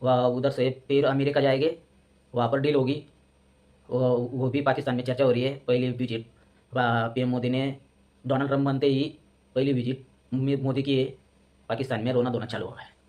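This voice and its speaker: A man's voice: mid-range voice, level tone, brisk, a little mellow. A man hosting a reaction video, ranting in a scornful, mocking tone.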